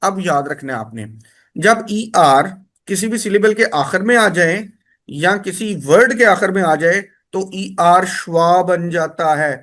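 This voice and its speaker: A man gives a spoken lesson. He explains step by step and says each word slowly, often more than once, so learners can copy the sounds. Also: high-pitched, a bit bright. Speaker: language teacher.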